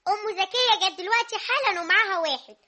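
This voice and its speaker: Egyptian little girl, very high, bright, fast-talking, cheeky radio-play child. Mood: pert, chatty.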